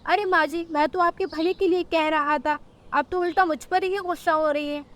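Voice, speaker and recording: A woman's voice: extremely high pitch, fairly even intonation, normal speed, a bit bright, pitched above the performer's own voice. A woman voicing a helpful male parrot who politely warns and means well, in a cartoon story. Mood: concerned. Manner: polite, warning, well-meaning.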